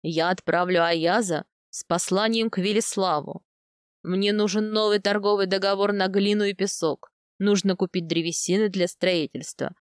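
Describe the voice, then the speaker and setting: A woman voicing a stern older male steppe khan in an audiobook, talking slowly and firmly. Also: medium pitch, steady tone, clear, resonant tone, no echo, clean studio sound, pitched below the performer's own voice, close to an everyday voice. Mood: grave, measured. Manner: slow, measured and firm.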